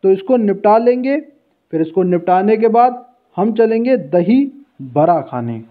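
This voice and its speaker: Guy vlogging food, fairly high voice, tinny phone-line sound. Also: lively intonation, measured pace. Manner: chatty, guiding the viewer along. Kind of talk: casual walking food-vlog narration. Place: outdoor street and busy food shop. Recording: tinny phone-like street recording.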